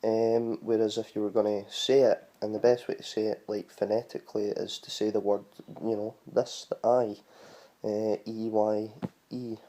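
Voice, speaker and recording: A man's voice: lowish voice, level tone, moderate pace, mellow. A man with a Scottish accent explaining words in a casual home tutorial, rambling and hesitant with many ums and restarts. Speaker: vlogger teaching words.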